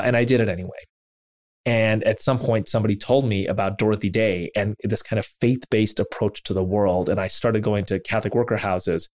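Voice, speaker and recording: A man hosting an interview, telling a personal story in an earnest, self-deprecating way, with animated quoted asides. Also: lowish voice, no echo. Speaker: interviewer and podcast host.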